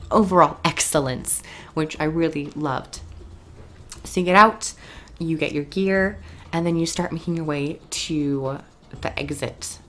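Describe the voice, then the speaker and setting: A woman casually and enthusiastically recapping a video game story as a reviewer, rambling a little and sounding tired. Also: lowish voice.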